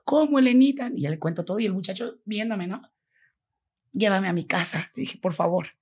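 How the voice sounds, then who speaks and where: A Mexican woman being interviewed, her voice breathy with a husky edge. She tells her story vividly, switching into the voices of each person she quotes. Her pitch sits in an ordinary middle range. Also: fairly quick. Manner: animated, acts out quoted dialogue. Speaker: foundation founder, guest.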